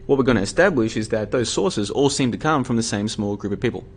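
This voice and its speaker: A man's voice: mid-range voice, lively intonation, fast, breathy edge. An Australian man talking casually on his livestream, argumentative and tired, with many fillers and restarts. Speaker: livestream host. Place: home room.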